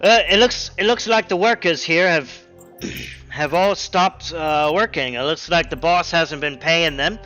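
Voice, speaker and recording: A gruff dwarven working woman, put on by a man in a tabletop game. The voice sounds bright and a little pushed. It comes through dull, lo-fi call audio. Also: fairly high pitch, unhurried, soft background music. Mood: explaining.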